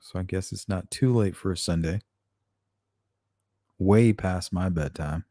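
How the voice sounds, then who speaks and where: A man with a lowish, mellow voice hosts a relaxed late-night stream. He teases his viewers, jokes, and swears casually. The sound is close and dry, with no room echo. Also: a little slow. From Arizona. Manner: joking, teasing, profane. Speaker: live stream host.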